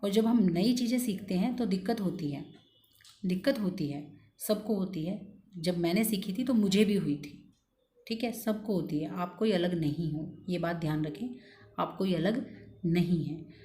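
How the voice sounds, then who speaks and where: A woman's voice: lowish voice, moderate pace, dark tone. Patient woman teaching grammar, darker tone. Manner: patient, coaxing, asks "ठीक है?" after each point; repeats key points, calls students "बेटा". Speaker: English teacher. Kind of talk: online grammar lesson.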